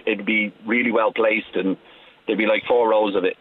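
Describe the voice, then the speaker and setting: A man from Dublin with a Dublin accent and a husky voice, chatting casually as a caller to a radio phone-in over a muffled phone line. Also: lowish voice, flat delivery, normal speed. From Dublin, Ireland. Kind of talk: casual chat.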